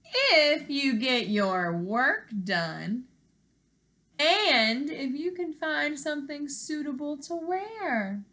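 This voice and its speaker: A woman voicing a haughty storybook stepmother, commanding, with drawn-out emphatic phrasing. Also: high-pitched, very animated, pushed and bright, pitched above the performer's own voice, heavily acted. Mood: condescending. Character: haughty bossy stepmother giving orders.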